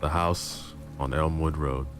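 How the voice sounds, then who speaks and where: A man narrating horror stories in a calm, low-key reading style. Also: takes it slowly, over music. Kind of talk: scripted story narration.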